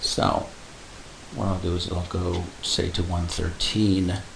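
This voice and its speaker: A man explaining animation software step by step in a casual tutorial, adding little sound effects like "boom". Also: level tone, slow, creaky. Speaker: animation instructor. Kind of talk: screen-recorded software tutorial. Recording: echoey room with faint hiss.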